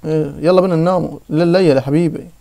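A young Egyptian man hosting a let's-play, joking around and breaking into excited outbursts. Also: fairly high pitch, very fast, vocal fry. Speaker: gaming channel host. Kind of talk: casual let's-play chat.

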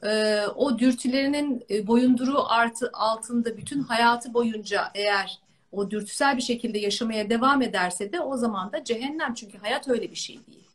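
Female moderator, somewhat high voice, reflective, hesitant. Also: fairly quick. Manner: thoughtful, questioning, hesitant fillers. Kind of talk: interview talk.

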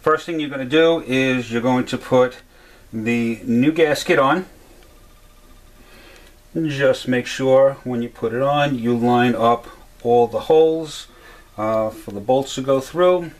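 A man's voice: mid-range voice, takes it slowly. A man giving a step-by-step repair demonstration at a workshop bench, talking plainly with frequent "uh" fillers. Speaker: HVAC supply instructor.

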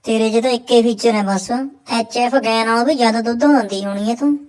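Crude, sarcastic Punjabi woman, higher-pitched. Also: steady tone, fairly quick, heavy background noise. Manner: crude, sarcastic, bawdy banter. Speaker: commentator reacting to a clip. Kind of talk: mocking reaction commentary.

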